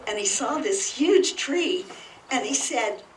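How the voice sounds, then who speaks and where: A woman's voice: sits high, lively intonation, takes it slowly. A woman telling a hesitant, amused personal anecdote at a memorial gathering. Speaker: speaker at a memorial. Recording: echoey room, far from mic, faint noise.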